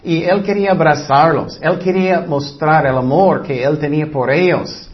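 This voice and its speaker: A man delivers a Bible teaching with animated storytelling and now and then acts out the voices in his story. His voice sits a bit higher than most men's. The recording is dull and lo-fi. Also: normal speed. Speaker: preacher.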